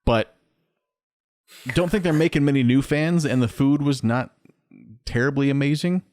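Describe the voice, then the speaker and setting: A man's voice: medium pitch, normal speed, darkish tone, no echo, studio quality. A man in his thirties co-hosting a podcast, chatting wryly and reading items off a list. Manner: chatty, wry, reads from a list. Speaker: podcast co-host. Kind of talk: casual podcast chat.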